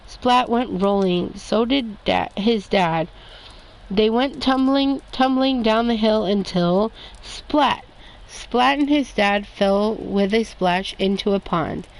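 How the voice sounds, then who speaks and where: A woman reading children's picture books aloud in a slow, expressive storytime manner. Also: mid-range voice, gravelly, poor audio. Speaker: storybook reader.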